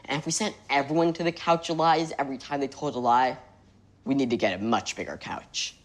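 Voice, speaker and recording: A man's voice: medium pitch, a little fast, natural voice. A young man playing a scheming, sardonic teenage son in a family sitcom, glib and dry. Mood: matter-of-fact. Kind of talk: sitcom acting.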